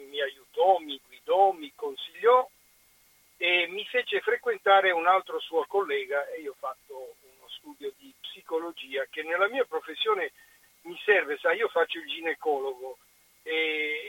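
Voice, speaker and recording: A man phoning in to a radio show on speakerphone, telling a lively anecdote in a chatty way. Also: a little high, no room sound. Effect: on speakerphone over a phone line. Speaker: caller. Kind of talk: phone-in chat, telling an anecdote. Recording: dull phone line, speakerphone.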